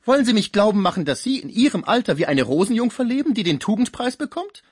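A man doing a shrill nagging old concierge woman. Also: big pitch swings, fast, breathy edge, no room sound, studio quality, exaggerated voice. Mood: mocking nagging. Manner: shrill, nagging, high and loud. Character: scolding gossipy older female concierge.

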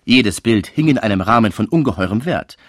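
A man narrates a classic novel with a lower voice and a very animated, rising and falling delivery. The recording is close and completely dry, with no room around him. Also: dry recording. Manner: measured, expressive literary reading. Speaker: audiobook narrator.

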